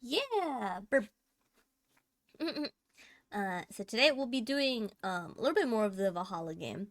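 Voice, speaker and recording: Woman, playful gamer-girl streamer, higher-pitched, unhurried pace, giggly casual banter, casual swearing, dry sound. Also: sing-song, no room sound. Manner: swears freely. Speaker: livestreamer. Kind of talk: casual chat with live stream viewers.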